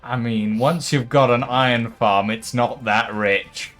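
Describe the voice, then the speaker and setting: A man's voice: mid-range voice, steady tone, a little slow, fairly bright tone, soft background music. A man chatting casually over a game in a teasing way. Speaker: gaming co-player. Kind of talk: casual chat while gaming.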